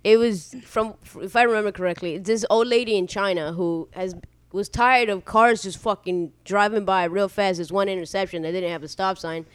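A woman's voice: mid-range voice, steady tone, fairly quick, clear, resonant tone, no room sound. A woman co-hosting a casual chat, blunt and profane, laughing often. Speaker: podcast co-host.

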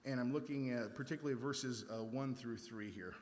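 A man's voice: mid-range voice, a little fast, long reverb tail. A man preaching a scripture sermon in a conversational way, often checking in with his listeners. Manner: conversational, checks in with "right?" and "okay?".

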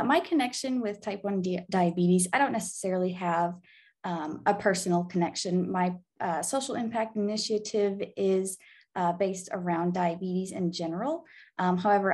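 A woman in her twenties from Arkansas, with an American accent and a lowish, darkish voice, appears as an interview guest. A pharmacy student and pageant titleholder, she answers in an upbeat, earnest, conversational way.

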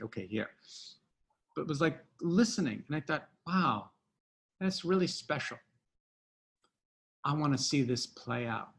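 Telling a story from his own life as an interview guest, a middle-aged man rambles with fillers and false starts. His voice is medium-pitched with a fairly bright tone.

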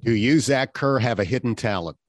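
A man's voice: medium pitch, expressive, brisk, dry recording. A male broadcaster hosts a podcast and puts questions to his guest in an easygoing way. His voice sits in a middle range and sounds dry and close, with no room around it. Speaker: radio broadcaster and podcast host. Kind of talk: interview questions.

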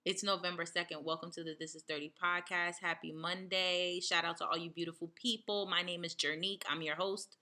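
Woman host, casual chat, bright voice, lowish pitch, giggly. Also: fairly even intonation, fairly quick, few pauses. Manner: giggly, chatty, many fillers. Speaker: podcast host.

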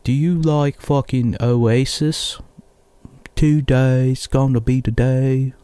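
A man's voice: medium pitch, flat delivery, takes it slowly, mellow, smooth, no echo. A young American man, a musician, rambling through a profane, sarcastic casual monologue. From United States.

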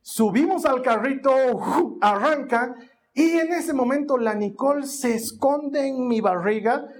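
A man's voice: very high voice, measured pace. A man preaching a sermon, telling a family story and acting out every voice in it. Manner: animated storytelling, acts out voices.

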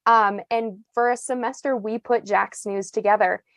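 A woman's voice: mid-range voice, steady tone, moderate pace, fairly bright tone, dry recording. A woman in her twenties, a journalist guest on a podcast, telling her story in a chatty, reflective way with many fillers and restarts. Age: 20s. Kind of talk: casual podcast interview.

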